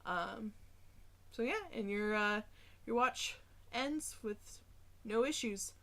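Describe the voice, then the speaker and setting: Bright-voiced woman running a tabletop game. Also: mid-range voice, slow. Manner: easygoing, filler-heavy narration. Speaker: game master.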